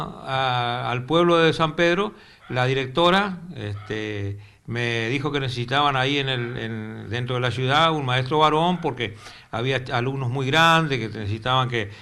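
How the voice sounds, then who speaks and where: A man's voice: mid-range voice, sharp tone, clean tone. An older retired teacher from northeastern Argentina with a Corrientes accent, recalling his career in a rambling way that repeats words as he searches for them. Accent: Argentine Spanish, Corrientes. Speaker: retired teacher, interview guest. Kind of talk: casual interview. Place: local cable TV studio.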